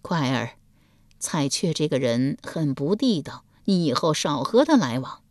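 A woman's voice: low-pitched, big pitch swings, unhurried, no echo, clean studio sound, full character voice. A woman voicing a shrewd, stern elderly grand empress dowager who speaks coldly and commandingly in a storybook reading. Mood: measured. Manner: cold, imperious, scolding.

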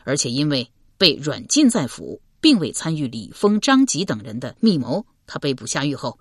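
Lady voicing a worried older brother officer, low, dry. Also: sing-song, moderate pace, slightly rough, no echo, heavily acted. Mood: rueful. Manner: low, rueful and doubtful. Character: troubled wary male officer, older brother.

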